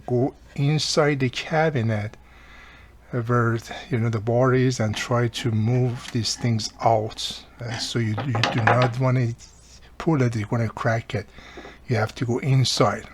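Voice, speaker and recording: There's a little hiss or hum behind this man as he casually narrates a hands-on repair. The radio repair hobbyist and host speaks at a medium pitch, a bit slowly and steadily, improvising his explanation with non-native-sounding grammar and frequently omitted articles.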